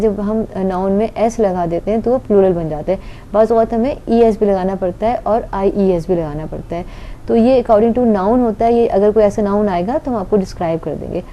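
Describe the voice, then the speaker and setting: Woman, grammar teacher, patient explaining, asks herself questions, very mellow tone, faint rumble behind. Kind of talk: online grammar lesson.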